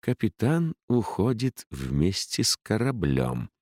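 A man reading an audiobook, voicing a fierce young woman summoner who talks in a sharp, scolding way. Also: lowish voice, wildly swooping pitch, takes it slowly, no room sound, studio quality, voice pushed up, heavily acted. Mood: scornful. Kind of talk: audiobook character voice.

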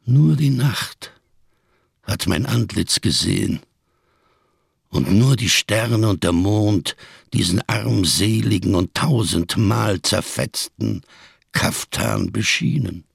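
A giant of a man with a deep, gravelly, exaggerated voice plays a tattered survivor living in darkness, declaiming slowly with solemn, bitter irony in German radio crime drama style. It's studio quality with no room sound.

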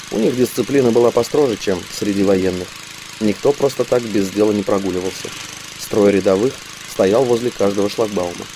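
A man reading a military sci-fi novel aloud in steady, measured scripted narration. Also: lowish voice, a little hiss or hum. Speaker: audiobook narrator.

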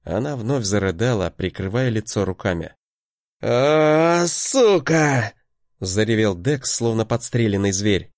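A man narrating a first-person audiobook in a measured, dramatic way. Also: on the low side, darkish tone, dry recording, studio quality.

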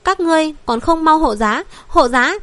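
Woman reading as a terrified male prince, hoarse frantic shouts, high voice, audiobook. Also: lively intonation, normal speed, no echo. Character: arrogant young male prince, panicking in terror. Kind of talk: audiobook character voice.

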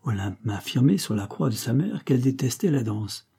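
A man's voice: medium pitch, big pitch swings, a little fast, creaky, warm tone, slightly rough, full character voice. A man reading an audiobook and voicing a scheming middle-aged police poet, who sounds suave and persuasive, playing innocent. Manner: suave, persuasive, mock-naive. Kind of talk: audiobook character voice.

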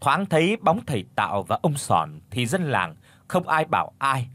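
A man narrating an audiobook story in a steady storytelling manner. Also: medium pitch, moderate pace, dry recording.

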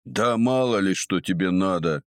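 A man voicing a gruff old gnome jailer. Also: low-pitched, dry recording, studio quality. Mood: stern. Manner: scolding, sarcastic, drawn-out.

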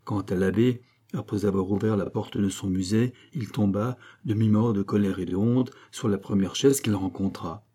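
Man reading a classic novel aloud, husky low voice, calm storytelling. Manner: measured, expressive storytelling. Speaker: audiobook reader. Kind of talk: scripted narration of a classic novel.

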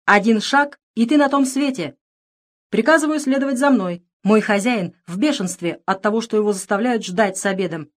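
A woman's voice: fairly high pitch, normal speed, voice pushed up, natural voice. Woman playing a brash mocking giant outlaw. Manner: sneering, loud. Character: big brash male outlaw, mocking and threatening.

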